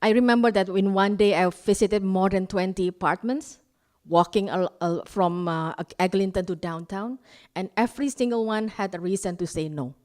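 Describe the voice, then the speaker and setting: A stand-up comedian in her forties from Indonesia tells self-mocking stories live and laughs at her own jokes. Her Indonesian accent carries traces of Australian. Her mid-range voice is a little mellow at normal speed.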